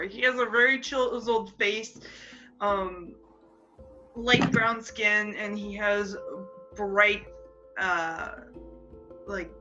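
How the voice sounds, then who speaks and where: A woman runs a tabletop game, describing scenes slowly through lots of fillers. Her voice is bright and a bit high, on a dull, lo-fi recording. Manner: rambling descriptions with many fillers and laughs. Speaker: game master.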